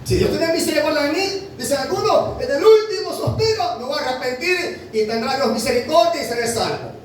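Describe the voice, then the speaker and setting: A high-pitched man preaching a sermon from a distance, his voice ringing through a very echoey hall. He talks emphatically, throws rhetorical questions at the congregation and keeps calling them brother, with a faint hum of the room behind him. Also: animated, brisk.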